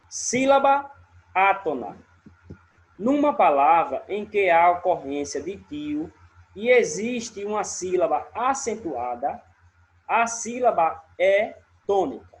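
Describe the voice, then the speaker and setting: A high-voiced man teaches a recorded remote lesson. His accent is from Sergipe, Brazil, and he explains things one step at a time, frequently stopping for a quick question.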